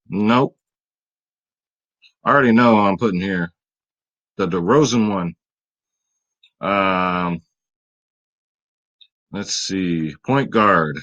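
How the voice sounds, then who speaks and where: A man's voice: deep voice, a bit bright, highs cut off. Chatty tired man hosting sports picks. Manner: chatty, hype-building, talks straight to viewers. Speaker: fantasy sports picks host. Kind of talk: casual video commentary.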